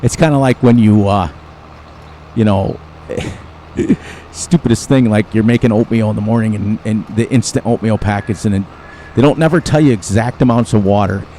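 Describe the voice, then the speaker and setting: An American man who hosts a farming game channel gives casual gameplay commentary, rambling from topic to topic and chuckling often. His voice is mellow and fairly low, at a normal speed. There's slight background noise.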